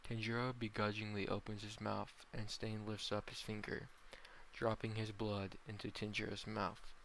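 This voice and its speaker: A young man narrating a fan-fiction story in a plain, slightly halting reading. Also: on the low side, completely flat delivery, vocal fry, a bit bright, slight background noise, low-quality recording.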